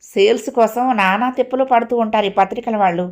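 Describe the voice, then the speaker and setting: A woman voicing an excitable young woman, a younger sister who talks eagerly and fretfully in an audio story. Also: fairly high pitch, fairly quick, voice pushed up, natural voice.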